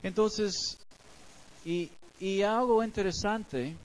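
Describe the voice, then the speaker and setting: A male pastor delivers a sermon with a noticeably high-pitched voice. He moves slowly and unhurriedly, breaking scripture down in a casual, conversational manner with everyday examples from the street. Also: poor audio.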